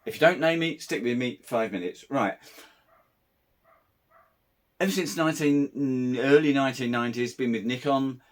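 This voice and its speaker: A man with a slightly croaky voice, a wedding photographer giving a casual, meandering camera review vlog. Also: mid-range voice, normal speed, long pauses. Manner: conversational, meandering.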